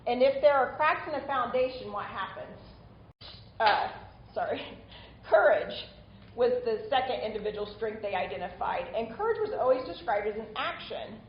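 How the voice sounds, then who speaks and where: A woman's voice: fairly high pitch, animated, moderate pace, dull audio, a little hiss or hum. Conversational woman lecturing in a roomy space. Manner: conversational, with frequent asides. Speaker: instructor. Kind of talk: recorded online lecture.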